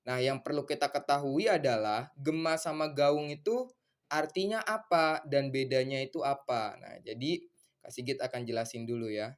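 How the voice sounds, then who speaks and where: A young man working as a tutor, explaining a school science question in a chatty, drawn-out teacherly way. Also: mid-range voice. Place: tutoring center.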